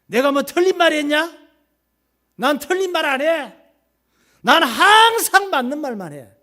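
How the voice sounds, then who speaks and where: A man voicing a shrill, self-righteous wife who fires off angry accusations at her husband. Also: animated, sharp tone, heavily acted. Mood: shrieking, indignant. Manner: screeching rapid accusations.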